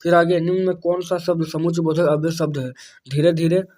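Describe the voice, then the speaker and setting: A man with a fairly high voice teaches an exam-prep grammar lesson. He explains patiently, repeats key terms and keeps checking that the listener is following. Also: flat delivery, fairly quick, darkish tone.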